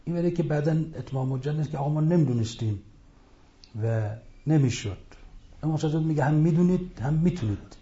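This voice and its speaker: A man giving an impassioned religious lecture, retelling a story and rising into loud rhetorical outbursts. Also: fairly high pitch, reverberant. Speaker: preacher. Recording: dull lo-fi recording.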